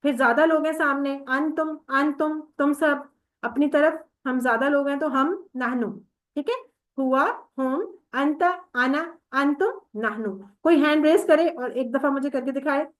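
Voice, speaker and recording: A woman's voice: sits high, measured pace. Patient woman teaching an online class. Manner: patient, explains step by step and quizzes students.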